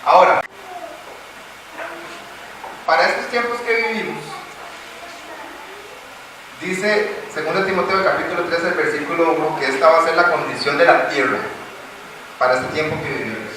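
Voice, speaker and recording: A man's voice: a little high, normal speed, pauses often, background noise. A man with a Costa Rican accent preaching a sermon in church, telling a story and then building to emphatic declaiming. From Costa Rica. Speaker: pastor. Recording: echoey church hall, distant mic.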